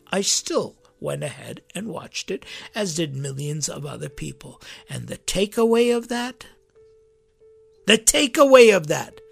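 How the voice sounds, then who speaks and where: A man's voice: on the high side, vocal fry, husky. A man preaching a sermon with passion, repeating phrases for emphasis.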